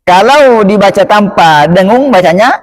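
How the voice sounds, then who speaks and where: A man with a fairly high voice teaches the rules of Quran recitation at an unhurried pace. He models each example word slowly, several times over, and checks his listeners with short questions. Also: expressive. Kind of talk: tajwid lesson.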